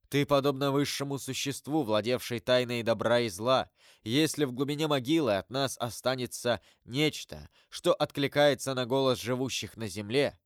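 Man as the Count of Monte Cristo, calm and grave. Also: mid-range voice, no room sound, clean studio sound, lightly acted. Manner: calm, measured, solemn. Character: grave, wealthy nobleman, composed and secretive.

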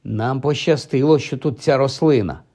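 A man's voice: sits high, moderate pace, mellow, pitched above the performer's own voice. Man voicing a sarcastic cheeky schoolboy. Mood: snappy. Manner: snappy, sarcastic. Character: cheeky, irritable young schoolboy.

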